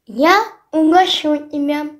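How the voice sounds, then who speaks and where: A woman reading a children's tale aloud, voicing a stubborn, grumpy hedgehog who guards his apple in slow, emphatic words. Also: sits high. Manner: stubborn, insistent.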